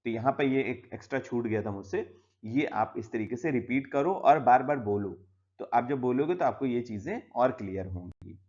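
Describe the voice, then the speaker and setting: Male teacher, mid-pitched, bilingual Hindi-English lesson, step-by-step explaining, slightly dull lo-fi audio. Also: moderate pace, a little mellow. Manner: explains step by step, often saying "yahan pe" and "theek hai"; mixes Hindi with English words.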